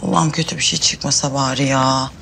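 An actress playing an excitable, quick-tempered pregnant housewife who talks to herself a lot. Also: female voice, extremely low pitch, gravelly, slight background noise, heavily acted. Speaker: pregnant wife. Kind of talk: TV drama acting.

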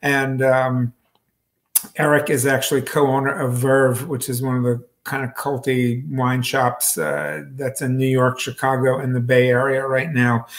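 Over a video call picked up by a webcam, a man in his fifties casually talks his wine club through a bottle from his home kitchen. His voice is of ordinary male pitch with little pitch movement, and he gestures with his hands, halting often with ums and restarts.

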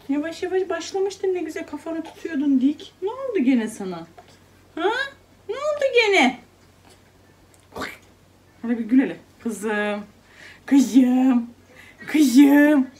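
Woman, mother and home vlogger. Higher-pitched, affectionate baby talk mixed with casual chat to viewers. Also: sing-song, fairly quick, warm tone, slight background noise. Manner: coos and baby-talks to her infant daughter; chatty explanations to viewers.

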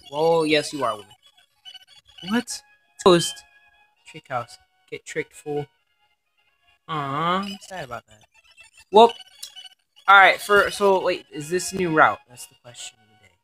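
Excitable man giving gameplay commentary. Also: fairly high pitch. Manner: excitable, rambling, swears often. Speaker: gaming commentator. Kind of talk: let's play commentary.

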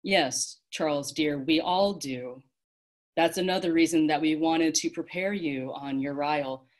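A weary, kind celestial being, as a woman reading aloud voices her. She speaks softly and slowly, soothing frightened children. A low, gentle storybook voice. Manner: soft, slow and comforting. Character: gentle, tired celestial being, comforting, female.

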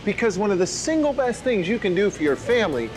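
Music plays behind a fast-talking, very animated man in his thirties with a high voice who hosts a scripted cooking show. Working in a home kitchen and a supermarket, he coaches viewers through every step in an upbeat way, peppered with playful asides.

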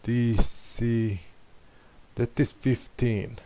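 Muttering and hesitant, a male game streamer questions himself aloud while working through a map-guessing game. His mid-range voice is mellow and fairly even in intonation, and he draws out his words.

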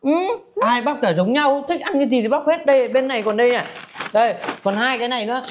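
A woman playing an easygoing older brother in a comedy family skit, showing off and sharing snacks in a relaxed way. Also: a little high, quick pace, slight background noise, natural voice. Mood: cheerful. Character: easygoing, generous older brother, a young man.

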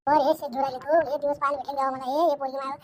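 A woman's voice: high-pitched, flat delivery, rapid-fire, background noise, close to an everyday voice. A woman voicing a scolding middle-aged village mother in a cartoon comedy, lamenting and repeating herself. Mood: outraged lament.

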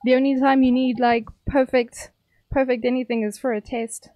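A young woman with a South African accent chats casually with her viewers while streaming a game, playful and teasing. Her voice sits high and warm, with a level tone and normal speed, and the recording is dry.

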